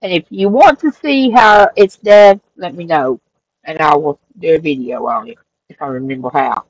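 Seated at a table in her craft room, a middle-aged woman who hosts a crafting channel flips through her handmade craft journal. Her voice sits low and moves at a moderate pace, relaxed and a bit rambling, full of fillers and self-corrections. The recording is rough, with no echo.

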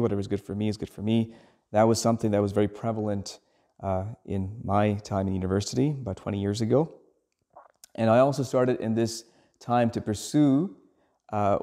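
A priest in his forties, from Sri Lanka, gives a homily in an earnest, measured way, often pausing on "uh" and "um." His voice sits a little low and sounds mellow and warm. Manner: measured, earnest, with frequent ums and uhs.

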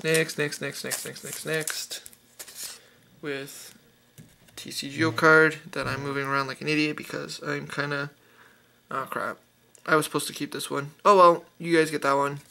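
A man's voice: on the high side, little pitch movement, creaky, pushed and bright. A man casually opening card packs on camera, rattling off card names with enthusiasm. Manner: rapid-fire listing of card names, enthusiastic.

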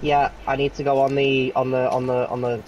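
A young man chatting casually while playing a co-op game, swearing often and calling out quick directions. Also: medium pitch, little pitch movement, a little mellow, highs cut off, a little hiss or hum. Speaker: gamer. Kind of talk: casual gaming chat.

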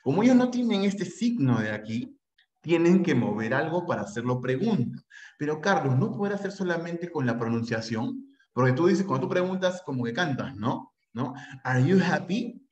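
A man's voice: fairly high pitch, very animated, moderate pace, a little mellow, echoey room, dull audio. A man with a Peruvian Spanish accent teaching an English class to pre-university students, chatty and constantly checking in with his listeners. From Peru. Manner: chatty, checks in often with tag questions.

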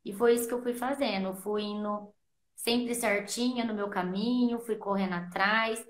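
A woman's voice: medium pitch, fairly even intonation, normal speed. A woman guest on a podcast, earnestly telling her own story in a casual interview and replaying her past thoughts as quotes. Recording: roomy echo.

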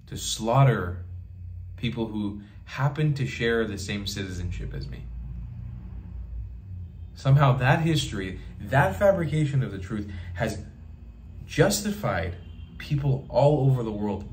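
A young travel vlogger with a low, somewhat dark voice speaks directly to the camera from a small bedroom, with slight background noise. His monologue is impassioned and emphatic; he repeats phrases for rhetorical effect and gestures with his hands.

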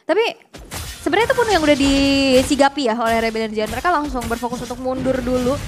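Female Indonesian esports analyst-caster, high register, commentating over game music. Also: expressive, fast. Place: broadcast casting of a mobile game tournament.

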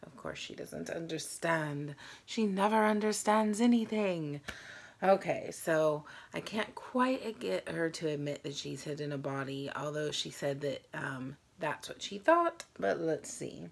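A woman's voice: low-pitched, a little slow, vocal fry, husky. A tired woman in her thirties chatting casually to camera as she hosts a challenge vlog. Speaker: host of a challenge video. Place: small room at home.

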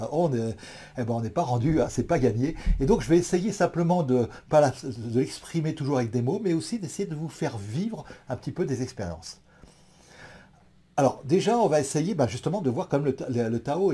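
A man's voice: mid-range voice, mellow, husky. A man teaching a spoken lecture, thoughtful and full of fillers, leading his listeners through imagined scenes.

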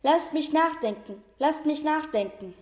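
A woman's voice: high voice, expressive, unhurried, darkish tone, roomy sound, voice pushed up. Brave young wizard Ron, read by a woman. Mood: urgent. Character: boy wizard, brave chess player.

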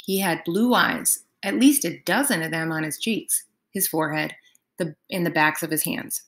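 A woman reading a novel aloud in first person, unhurried and expressive. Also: low voice, slightly rough. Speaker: audiobook reader.

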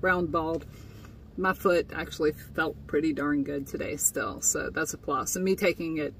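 A woman's voice: low voice, moderate pace, a bit bright, distant mic, a little hiss or hum. A young woman recapping her day in a casual vlog from inside a tent, chatty and full of fillers. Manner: chatty, with frequent fillers and laughs. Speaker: vlogger. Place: inside a tent, small and indoors.

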